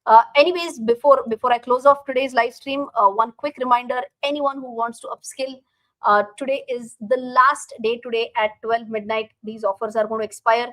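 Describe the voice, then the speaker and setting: A woman's voice: a little high, fairly even intonation, normal speed, a bit bright, no echo, poor audio. A woman with an Indian accent hosting a casual live stream as a teacher, speaking directly to viewers and often repeating her phrases.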